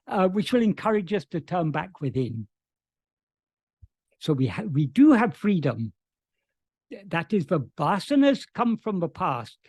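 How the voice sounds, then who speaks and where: Answering questions on a video call about spiritual teachings, a man speaks earnestly in a high, darkish voice, with no room sound. His sentences often restart, and he stammers as he gets going.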